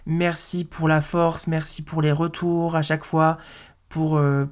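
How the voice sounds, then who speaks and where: Low-voiced young woman, casual chat. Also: measured pace. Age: 20s. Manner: relaxed, chatty, many fillers. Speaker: podcast host. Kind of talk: casual audio note monologue.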